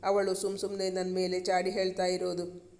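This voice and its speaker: A man reading the part of a spoiled young sister in a storybook, speaking roughly and dismissively. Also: high voice, monotone, normal speed, darkish tone. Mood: defiant. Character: spoiled rude pregnant young sister, defiant.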